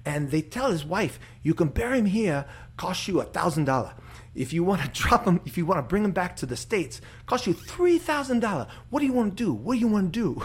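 A man's voice: high voice, big pitch swings, brisk, breathy edge, pitched above the performer's own voice, full character voice. A man voicing an insistent, blunt male priest with a Filipino accent, speaking in clipped, broken, emphatic phrases. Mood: joking.

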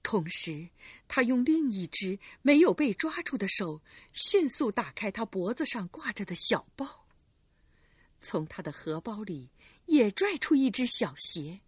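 Casting: woman audiobook narrator, husky, dry close sound. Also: mid-range voice, no room sound. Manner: slow, expressive storytelling.

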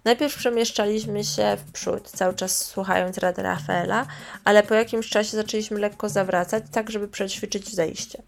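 A woman's voice: mid-range voice, steady tone, moderate pace, vocal fry. A woman reading her own memoir aloud in a chatty way, with sarcastic asides. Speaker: storyteller.

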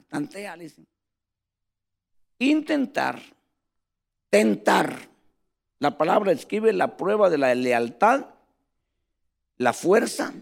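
A man's voice: sits high, vocal fry. A man preaching a sermon, telling stories animatedly and calling his listeners brothers.

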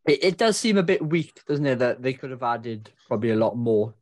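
A man's voice: mid-range voice, lively intonation, a little fast, darkish tone. A man co-hosting a casual film-review podcast, hesitant and full of ums. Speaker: podcast co-host.

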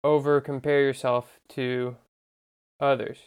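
Clear-voiced young man, casual podcast co-host. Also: medium pitch, level tone, takes it slowly. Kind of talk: casual chat.

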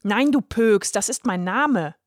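A woman's voice: mid-range voice, lively intonation, moderate pace, dry recording, studio quality, lightly acted. A woman doing a grumpy little boy. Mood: snappy. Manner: gruff, grumbling, huffy. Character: grumpy serious little boy, sulky and stern. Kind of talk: storybook reading.

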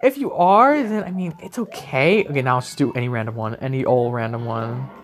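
Over video game music, a young man co-hosts a let's play, rambling through silly jokes and giggling often. His mid-range voice moves a little fast in this casual gaming chat.

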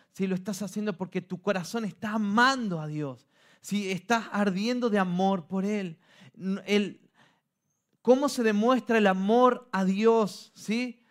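A man preaching a sermon as pastor, often checking in with "¿sí?" and restarting phrases. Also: sits high. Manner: repeats "¿sí?" to the congregation, restarts phrases.

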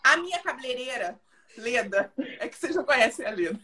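A woman's voice: a little high, quick pace. A woman, a makeup artist telling stories with dramatic flair in casual podcast chat. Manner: animated storyteller, dramatic and laughing.

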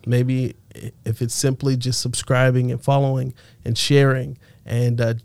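A man's voice: mid-range voice, flat delivery, a little slow, vocal fry, a little mellow, smooth, dry recording. A man co-hosting a casual faith discussion, affirming his partner with short agreeing replies.

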